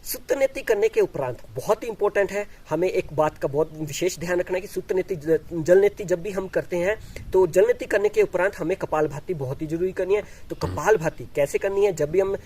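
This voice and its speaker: A man's voice: sits high, brisk, darkish tone, breathy edge. A man teaching yoga and breathing exercises, explaining step by step with frequent restarts and demonstrating as he talks. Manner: demonstrates exercises while talking. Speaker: yoga instructor. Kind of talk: instructional demonstration.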